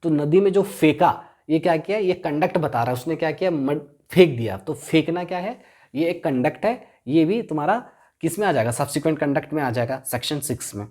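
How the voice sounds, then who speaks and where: A man's voice: on the high side, expressive, a little fast, a little mellow. Guy teaching law class, keeps asking "got it?" and answering himself, repeats stuff a lot. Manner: constantly quizzes the listener and answers himself; repetitive, drills key terms. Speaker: law lecturer. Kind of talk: classroom lecture explaining law.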